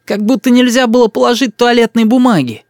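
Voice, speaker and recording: A shrill spoiled little boy. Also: darkish tone, no room sound, studio quality. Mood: demanding. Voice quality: shrill, drawn-out whining. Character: spoiled bossy little boy, indignant and demanding.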